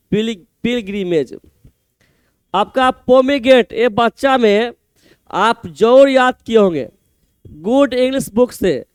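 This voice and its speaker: High-voiced man spelling slowly. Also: smooth, no room sound. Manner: slow, spells words letter by letter and repeats answers. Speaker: teacher. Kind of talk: exam-prep spelling lesson.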